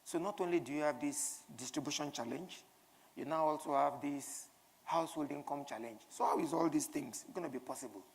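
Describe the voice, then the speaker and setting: A woman's voice: low-pitched, brisk, gravelly, darkish tone, in a large hall. A woman with a Nigerian accent giving a keynote speech in front of an audience, emphatic, with rhetorical questions and repetition. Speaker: keynote speaker.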